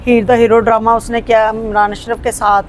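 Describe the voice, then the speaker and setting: A woman's voice: fairly high pitch, little pitch movement, moderate pace, slight background noise. Punjabi-accented woman telling her family history. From Pakistan. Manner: hesitant, with frequent fillers and restarts. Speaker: interview guest. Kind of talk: casual conversational interview.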